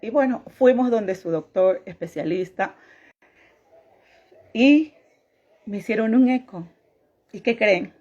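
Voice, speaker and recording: A woman telling a personal faith testimony in a halting way, repeating her phrases. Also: mid-range voice, darkish tone, muffled recording.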